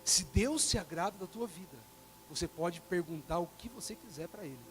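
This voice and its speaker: A man preaching a sermon, acting out quoted dialogue and swinging between loud bursts and soft, quiet lines. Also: sits high, animated, normal speed.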